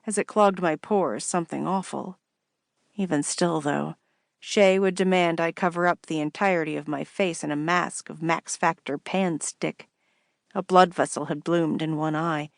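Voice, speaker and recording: A woman narrating an audiobook in the first person, measured and wry. Her voice sits low with a gravelly edge. The recording is close and dry. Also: no room sound.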